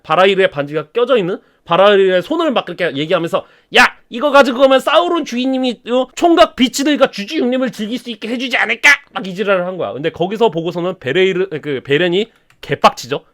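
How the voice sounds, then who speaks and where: A man with a notably high, very lively voice casually retells a fantasy legend. He is slangy and conversational, jumping in and out of character voices as he tells it. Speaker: story YouTuber.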